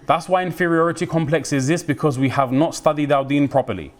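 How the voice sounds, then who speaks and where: Lively British man preaching. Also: a little high, quick pace. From United Kingdom. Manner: lively, slangy, acts out quoted voices. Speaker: Islamic preacher. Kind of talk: religious talk.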